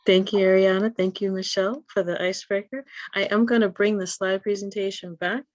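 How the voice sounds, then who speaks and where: A woman co-hosts an online community meeting, welcoming and encouraging the participants. Her voice is medium-pitched and a bit mellow, brisk, with little pitch movement. She's in an indoor room, and the video-call audio sounds roomy and muffled.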